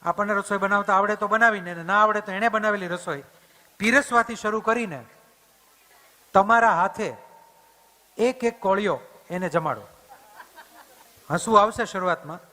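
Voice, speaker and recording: Male motivational speaker, high bright voice, tells homely stories, long hall reverb. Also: normal speed, pauses often. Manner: acts out family dialogue in plain voice. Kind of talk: storytelling talk to an audience. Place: community hall event. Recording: hall reverb, stage mic.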